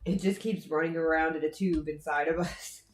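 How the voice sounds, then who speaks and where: A woman with a hoarse, scratchy throat chatting casually and bluntly on a livestream, swearing freely and rambling. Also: deep voice, steady tone, normal speed, echoey room, soft background music. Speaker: co-host on a livestream. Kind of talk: casual chat.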